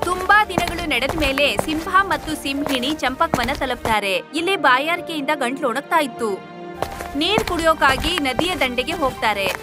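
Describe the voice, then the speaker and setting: High-voiced woman narrating a cartoon. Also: moderate pace. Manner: steady storytelling. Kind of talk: scripted narration of an animated story. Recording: music under the voice.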